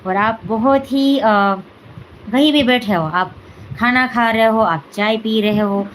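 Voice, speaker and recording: A woman's voice: fairly high pitch, slow pace, a little hiss or hum, poor audio. A woman hosting a devotional live stream, talking casually with many fillers and "है ना" asides. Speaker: devotional channel host.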